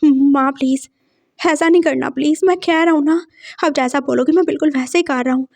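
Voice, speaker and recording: A bitter young man vowing revenge in a read-aloud fan fiction story, put on by a woman narrator. The voice stays high. It is threatening in private and sugary to others. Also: steady tone, fairly quick, vocal fry, darkish tone. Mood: anxious pleading. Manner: bitter, threatening inner monologue. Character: young man, vengeful, sweet to his face.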